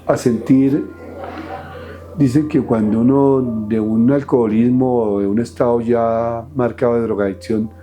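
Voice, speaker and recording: Dark-voiced man telling his story. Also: mid-range voice, steady tone, soft background music. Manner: halting, emotional storytelling with many restarts. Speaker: interview guest. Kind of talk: personal testimony in an interview.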